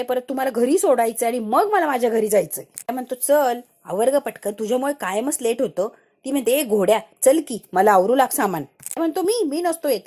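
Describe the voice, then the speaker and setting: Female recap narrator, slightly high voice, tells the episode as a story and reads all the dialogue herself. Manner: voices every character's lines herself in a lively retelling.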